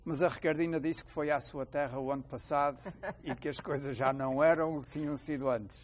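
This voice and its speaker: A man hosting a conversation, relaxed and asking questions. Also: a little high, a little fast. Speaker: host. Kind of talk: casual chat.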